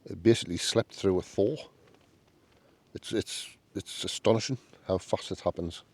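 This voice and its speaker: A man's voice: low-pitched, fairly quick, darkish tone, slightly rough. A man with a Northern English accent chatting casually to camera as a solo camper, musing aloud in a down-to-earth, understated way. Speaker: solo camping vlogger. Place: inside a small tent outdoors.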